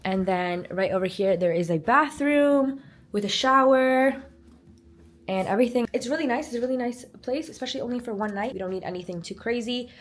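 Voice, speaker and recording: A travel vlogger narrates her trip in an upbeat, chatty style, full of "like" and "honestly." Her voice is on the high side, and she speaks briskly.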